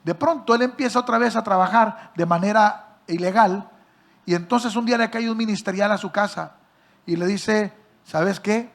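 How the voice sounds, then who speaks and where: A male pastor, preaching by telling a story and questioning his listeners directly, acting out the people in it with sudden loud and soft swings. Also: high-pitched, moderate pace, vocal fry. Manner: acts out quoted voices with big swings in loudness. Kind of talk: sermon storytelling.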